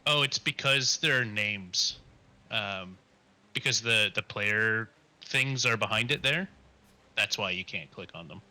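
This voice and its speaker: Guy at a tabletop game, lowish voice with a sharp bright edge, helpful rule explainer. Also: unhurried. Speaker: player. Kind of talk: casual tabletop game chat.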